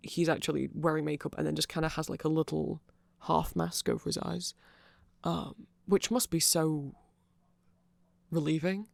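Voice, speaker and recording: In a gravelly, strongly vocal-fried voice pitched slightly high for a male, this ASMR creator wanders through an explainer at a moderate pace. His pitch barely moves as he nerdily digresses, corrects himself, and checks in along the way. The sound is close-miked and completely dry.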